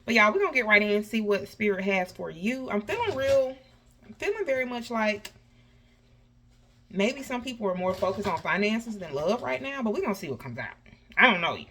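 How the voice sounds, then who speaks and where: A tarot reader host with a slushy lisp on her s sounds chats sassily and folksily to viewers, calling them honey and baby as she reads. Her medium-pitched voice swings widely in pitch, moving fairly quickly with a sharp tone and a breathy edge.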